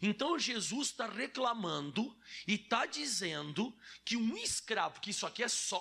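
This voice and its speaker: Man, Brazilian Portuguese accent, pastor, sermon, high voice, bright tone, asks the congregation questions. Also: husky. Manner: reads scripture then explains it, asks the congregation questions.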